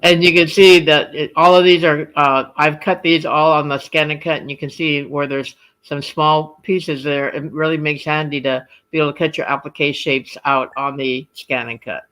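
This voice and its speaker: A man with a slightly high voice walks through craft designs in a casual demonstration. He explains as a designer would, in a halting, informal flow. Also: steady tone, fairly bright tone, rough recording. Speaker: machine embroidery designer presenting designs.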